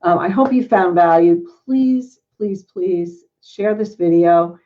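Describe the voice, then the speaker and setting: A woman's voice: lowish voice, slow pace, muffled recording. A middle-aged woman hosting an interview, effusive and emotional, with many exclamations. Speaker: host. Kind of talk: casual interview chat.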